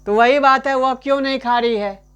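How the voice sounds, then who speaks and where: A man teaching a grammar lesson in a chatty way, keeps asking "right?", calls the listener his friend, and repeats example sentences slowly. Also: very high-pitched, steady tone, a bit bright, smooth, dull audio.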